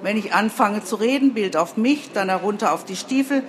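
A woman's voice: mid-range voice, lively intonation, slight background noise, close to an everyday voice. A woman voicing a bossy, self-important young female TV reporter who orders everyone around. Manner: commanding, brisk, self-important.

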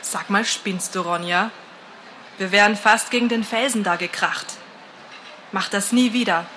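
A reckless young driver, rough and impulsive, with a blunt, scolding way of speaking, as a woman reading a story puts him on. The voice is bright and keen, and the lines come slowly. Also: mid-range voice, a little hiss or hum, low-quality recording. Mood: angry.

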